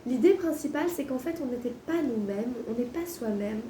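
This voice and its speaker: Female tarot reader, soft-toned, slightly hoarse sore-throat voice with swollen tonsils, casual and hesitant, recorded roomy and distant from the mic. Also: on the high side, lively intonation, a little fast. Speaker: tarot card reader, host. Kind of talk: casual spoken tarot reading. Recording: roomy echo, distant mic, faint noise.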